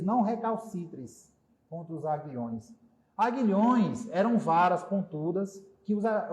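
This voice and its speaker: A man's voice: sits high, a little mellow. A man giving a storytelling lecture at a spiritist center, retelling scenes with repetition and emphasis. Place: lecture hall. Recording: echoey hall.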